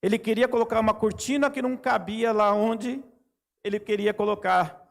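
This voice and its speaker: A Brazilian man preaching in a church, his voice set high for a man and roughened by a gravelly fry. He tells stories from his own week, slipping into the voices of himself and others as he goes. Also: steady tone, normal speed. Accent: Brazilian Portuguese. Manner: storytelling, acts out his own dialogues. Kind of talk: sermon.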